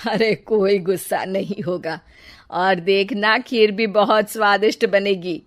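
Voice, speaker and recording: A kindly middle-aged mother-in-law acted by a woman storyteller. She speaks slowly and patiently, reassuring everyone, as in a storybook. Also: medium pitch, fairly even intonation, no echo, clean studio sound, close to an everyday voice. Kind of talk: storybook character voice.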